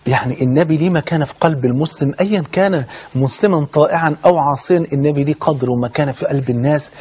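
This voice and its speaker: Egyptian male preacher, husky voice, very fast fervent sermon delivery. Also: fairly high pitch, a little mellow. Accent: Egyptian Arabic. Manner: fervent, with rhetorical questions and oaths.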